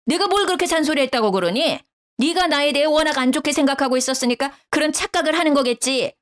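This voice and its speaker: A woman's voice: high voice, quick pace, voice pushed up, lightly acted. A woman voicing a domineering middle-aged mother-in-law who scolds in a raised, condescending tone. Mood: scolding.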